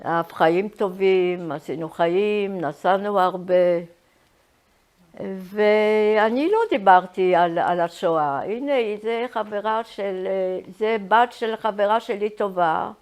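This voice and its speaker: A woman in her eighties sharing personal memories in a reminiscing style, often halting to search for words. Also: medium pitch, a little mellow. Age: 80s. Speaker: Holocaust survivor giving testimony.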